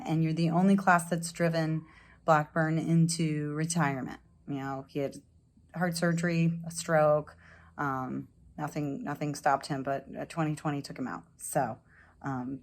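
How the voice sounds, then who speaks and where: A woman teacher answering interview questions sincerely and thoughtfully, with frequent pauses. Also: low-pitched, level tone, a little hiss or hum. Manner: thoughtful, sincere, many ums and uhs.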